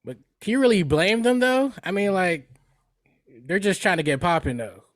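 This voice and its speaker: A man's voice: high voice, sing-song, moderate pace, dry recording, clean studio sound. A man co-hosting a casual podcast chat, easygoing and hedging with lots of fillers. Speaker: podcast co-host.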